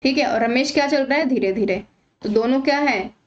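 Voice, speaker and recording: A woman's voice: high voice, fairly quick, dull audio. A woman teaching an exam-prep grammar lesson, patiently asking questions and answering them herself.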